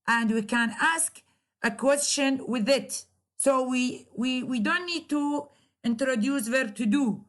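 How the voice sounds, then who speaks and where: A woman university lecturer giving a grammar lecture, hesitant with many fillers, repeating examples slowly. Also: on the high side, a bit bright.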